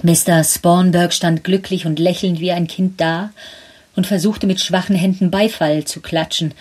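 A woman narrating a story in measured scripted storytelling with a husky voice. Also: fairly low pitch, a little mellow.

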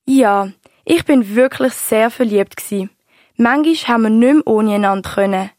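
A woman's voice: a little high, moderate pace, dry recording, studio quality, lightly acted. A woman playing an older Swiss grandmother who fondly tells her grandchild how she met her husband, speaking with a Swiss German accent. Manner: warm, storytelling, fond reminiscing. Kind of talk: radio-play storytelling.

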